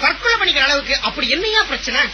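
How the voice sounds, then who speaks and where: A man's voice: very high voice, big pitch swings, very fast, noisy background. A man playing a nosy, chummy friend who asks blunt, teasing questions, in a comedy audio drama.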